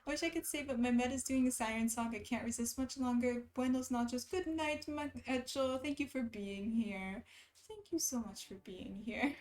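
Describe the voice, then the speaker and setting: A woman's voice: on the high side, moderate pace, a little mellow. A woman livestreaming in casual chat, reading out and answering viewers' comments, of Palestinian origin. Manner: chatty, reads and answers chat aloud.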